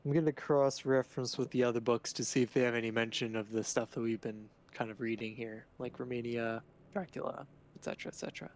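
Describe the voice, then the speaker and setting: Monotone man, flat delivery. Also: medium pitch, quick pace, few pauses. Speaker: player. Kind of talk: casual tabletop game chat.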